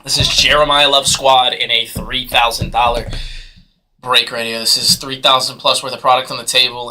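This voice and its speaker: A man hosts a live card break and calls out bids in hyped, rapid auction patter. His voice is very bright and sharp. He sits close to the mic. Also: medium pitch. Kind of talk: live sales commentary.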